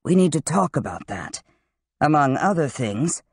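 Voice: mid-range voice, sing-song, slightly rough, dry recording, studio quality. A narrator voicing a commanding wizard dean woman. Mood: measured. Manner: brisk, commanding. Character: commanding gray-haired female dean of wizards.

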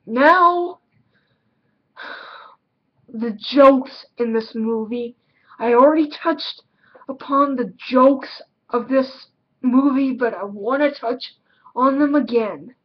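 A woman's voice: fairly high pitch, slow pace, pauses often, muffled recording. A woman giving a casual film review, blunt and emphatic, repeating words for stress.

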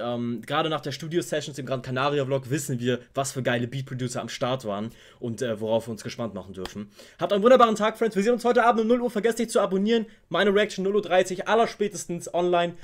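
A young man hosting a music reaction video, gushing with excitement and tossing English slang into his chat. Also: medium pitch, fast, hardly any pauses. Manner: hyped, gushing, mixes English slang into German.

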